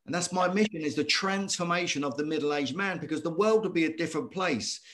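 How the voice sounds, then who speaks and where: A middle-aged man, a former boxer telling his story as a guest in earnest, animated talk that circles back on itself. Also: on the high side, fast. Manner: earnest, animated, repeats himself. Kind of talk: conversational storytelling.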